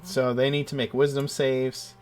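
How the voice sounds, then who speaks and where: Man, mid pitch, casual game master, halting improvised narration, faint music behind. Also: flat delivery, darkish tone.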